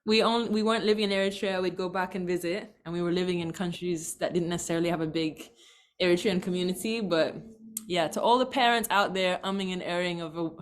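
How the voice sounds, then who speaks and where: A woman guest, a language educator born in Thailand, talking in an animated, laughing way on a video call. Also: fast. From born in Thailand, raised in several countries. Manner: animated, laughing, big swings in pitch. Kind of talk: casual conversation.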